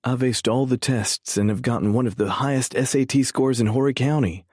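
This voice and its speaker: A man narrating a first-person romance audiobook in a measured, brooding way, swearing freely. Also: medium pitch, a little mellow, slightly rough, dry recording, clean studio sound.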